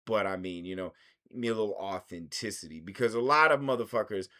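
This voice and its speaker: A man's voice: fairly low pitch, fast talker, bright, forceful tone. A man reviewing films in a rambling, casual monologue, swearing constantly. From United States. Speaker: film reviewer.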